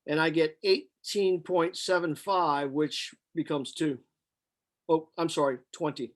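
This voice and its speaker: Man, slightly high voice, lecturer, step-by-step explanation, halting, thinking aloud, flat matter-of-fact delivery. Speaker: chemistry lecturer. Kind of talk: lecture, working problems step by step.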